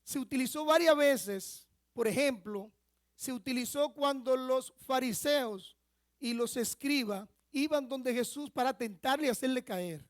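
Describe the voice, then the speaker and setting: Preaching in a church sanctuary, a man from the Dominican Republic unpacks the meaning of a word and keeps asking his congregation rhetorical questions as he teaches. He speaks at a measured pace in a very high pitch, and the studio-clean recording has no echo.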